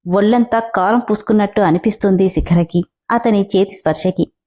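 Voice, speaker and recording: A woman narrating a romantic drama story in a steady, even storytelling way. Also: mid-range voice, moderate pace.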